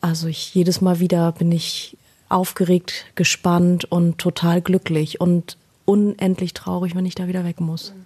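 A woman's voice: fairly low pitch, flat delivery, unhurried, mellow, husky. A woman in her thirties from Germany, answering interview questions in an earnest way, with many hesitations and repeated words. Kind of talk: personal interview.

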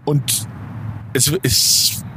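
A man in his twenties hosting a podcast, rambling casually and correcting himself in a slangy motivational monologue outdoors near a supermarket. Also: drawn-out words. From Germany. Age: 20s. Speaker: podcast host. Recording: clear outdoor traffic noise. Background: traffic and street noise.

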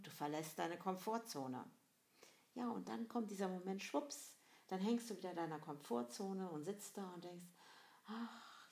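A woman's voice: fairly low pitch, gravelly, darkish tone. A woman giving a reflective motivational monologue, asking the listener direct questions in a conversational way with frequent fillers. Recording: roomy echo.

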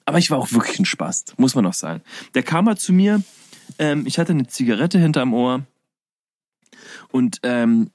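A young man from Berlin, a podcast host telling stories in casual chat, animated and acting out quotes. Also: mid-range voice, no echo. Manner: animated, acts out quotes with loud outbursts and laughs.

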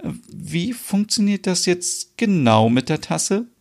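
A man reading a story aloud, voicing a fussy, excitable woman who owns the kitchen and is the boss, in a shrill, flustered, dramatic manner. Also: slow pace, full character voice.

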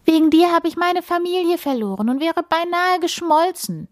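A woman's voice: normal speed, warm tone, no echo, clean studio sound, lightly acted. A woman doing a tearful little snowflake girl. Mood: scolding. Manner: whiny, high and pleading. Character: small sad female snowflake, tearful and anxious. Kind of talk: bedtime story voice.

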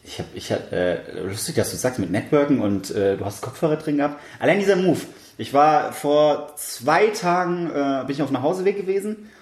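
Young man, lively storyteller, somewhat high voice, roomy echo. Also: fairly quick. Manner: animated storyteller, acts out dialogue, laughs often. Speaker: podcast co-host. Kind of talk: casual chat, telling a funny story.

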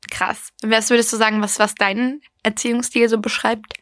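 Lively, laughing young woman. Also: on the high side, moderate pace, no echo, studio quality. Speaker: podcast co-host. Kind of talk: casual chat.

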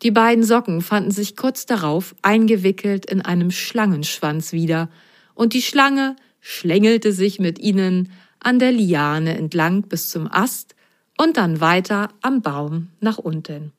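A woman reading a children's bedtime story aloud, with a slow, clear storybook delivery. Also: medium pitch, expressive.

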